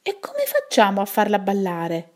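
A woman's voice: medium pitch, huge pitch swings, moderate pace, darkish tone. A woman voicing a stubborn, proud female storm cloud in a children's story, speaking firmly. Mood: defiant. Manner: firm, defiant.

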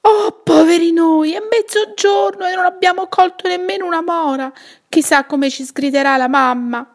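A woman's voice: very high voice, moderate pace, pitched above the performer's own voice. Woman doing a panicking little boy. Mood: panicked. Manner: shouting, wailing. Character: young boy, panicky and fretful.

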